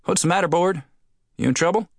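A man's voice: high voice, a little fast, vocal fry, dry recording, studio quality, pitched above the performer's own voice. A male audiobook reader voicing a friendly, teasing frontier townsman with a raised voice.

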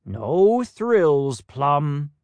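A man's voice: a little high, sing-song, drawn-out words, no room sound, full character voice. A man voicing a strict, fussy head peacock who lectures in a clipped, insistent way. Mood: stern.

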